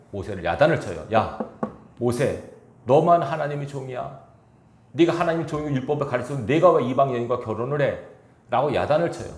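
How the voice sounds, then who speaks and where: A male pastor preaching a sermon in a church, animated and asking the congregation rhetorical questions. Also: mid-range voice, creaky. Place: church sanctuary. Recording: echoey church room with faint noise.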